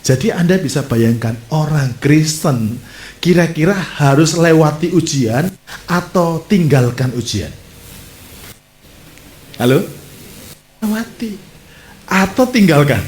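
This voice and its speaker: A man preaching a sermon as a pastor, telling stories with lively gestures and speaking straight to his congregation. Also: on the high side, slow pace, long pauses, a little hiss or hum. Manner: animated storytelling preacher, addresses audience directly. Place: church. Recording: echoey church hall.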